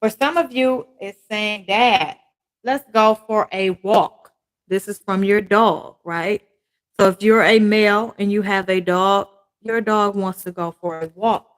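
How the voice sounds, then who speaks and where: A woman talks through an oracle card reading in a relaxed, rambling way. She often tags her lines with a questioning "right?" and repeats points with small stumbles. Her voice sits at an ordinary, middle pitch for a woman. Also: measured pace. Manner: chatty, ends many phrases with "right?"; loose, repetitive phrasing with fillers and restarts. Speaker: tarot and oracle card reader. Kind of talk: casual spoken card reading to viewers.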